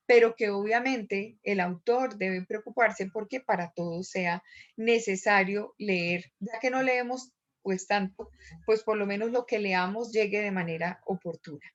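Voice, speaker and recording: A woman's voice: medium pitch, a bit bright. Woman teacher explaining grammar, dull audio. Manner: explanatory, with frequent fillers. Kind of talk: lecture.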